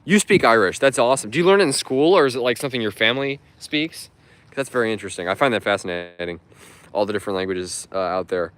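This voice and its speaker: An American host runs a live stream while walking through public gardens, chatting with viewers in a friendly, rambling style full of fillers and restarts. His voice is on the low side and fairly bright, with lively intonation, and he talks fast.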